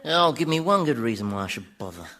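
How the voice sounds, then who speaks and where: A man's voice: medium pitch, big pitch swings, fast, pushed and bright. A man playing a weary, sardonic, vain Satan in a radio sitcom, with a dry delivery. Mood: weary, reluctant.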